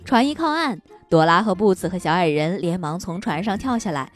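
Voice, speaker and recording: A woman storyteller reading a picture book aloud for children in an animated, sing-song manner. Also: fairly low pitch, fairly quick, faint music behind.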